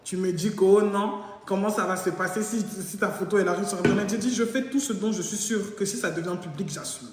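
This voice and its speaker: A woman's voice: medium pitch, brisk, few pauses, slight background noise. A woman hosting a live stream, telling a story in a casual, jokey way and acting out both sides of the conversation. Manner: animated, jokey, acts out both sides of dialogue. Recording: very echoey room with long reverb.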